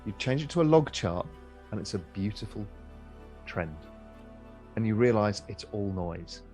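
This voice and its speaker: A middle-aged man answering as an interview guest in a relaxed conversational way, with frequent repeats and restarts. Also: on the low side, measured pace, faint music behind.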